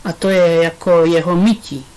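A woman's voice: lowish voice, fairly even intonation, darkish tone, clean tone, close to an everyday voice, rough recording. A woman reading aloud, voicing an earnest schoolboy who explains things to his class in a storybook.

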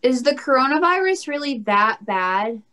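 A woman's voice: high-pitched, big pitch swings, moderate pace, sharp tone, exaggerated voice. A young woman acting a worried teenage theatre student who asks plain questions.

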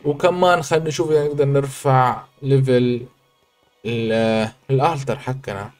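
Guy playing a game and talking through it, gets loud and excited, normal middle voice, a bit of music behind. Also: medium pitch, moderate pace. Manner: chatty, excitable exclamations. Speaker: gaming channel host. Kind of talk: let's play commentary.

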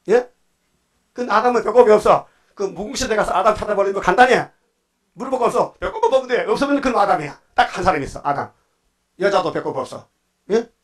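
A man preaching a Sunday morning sermon, who often stops to ask his congregation "예?" and slows into a sing-song chant when he reads scripture. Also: sits high. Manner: lively, asks the congregation "예?" and "응?" often.

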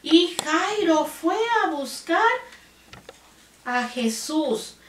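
A woman teaching a children's Bible class, telling the story slowly and simply in a gentle sing-song way and asking the little ones questions. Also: high-pitched, lively intonation. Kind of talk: slow, simple storytelling for toddlers. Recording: roomy sound, a bit far from the mic, faint noise.

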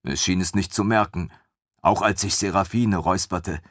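A man reading a fantasy audiobook in measured first-person narration. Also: low voice, a bit bright, dry recording, clean studio sound. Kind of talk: scripted narration.

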